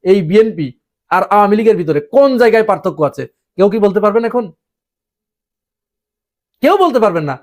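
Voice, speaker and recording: A man's voice: high-pitched, expressive, a little fast, long pauses. A man delivering an emphatic opinion monologue on current events, asking the audience rhetorical questions. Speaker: political commentator.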